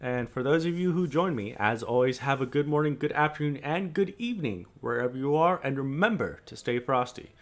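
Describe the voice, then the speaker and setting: A man narrating a tabletop fantasy game as game master and host, with filled pauses between passages of description. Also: medium pitch, lively intonation.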